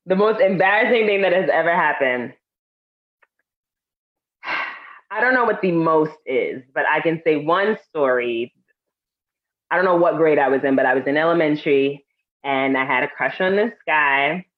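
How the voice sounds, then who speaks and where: Casual laughing woman from harlem, low-pitched, muffled lo-fi audio. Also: normal speed, long pauses. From Harlem, New York. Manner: laughing, chatty storyteller. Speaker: co-host. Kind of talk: casual chat.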